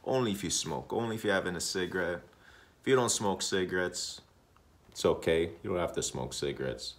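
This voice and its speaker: A man in his thirties casually chatting on a smoking vlog, rambling and repeating himself with many pauses, recorded in a room on a webcam. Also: low-pitched. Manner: rambling, repetitive, relaxed, with many uhs. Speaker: smoking vlogger. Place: indoor room.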